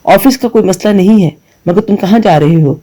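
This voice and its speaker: A man's voice: high-pitched, warm tone. A man voicing a stern, firm middle-aged father.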